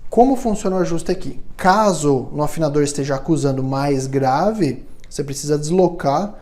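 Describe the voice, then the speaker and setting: A man's voice: a little high, moderate pace, a little mellow. A man, giving a patient, step-by-step hands-on tutorial in a luthier's workshop and checking in often with his viewers. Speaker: luthier instructor.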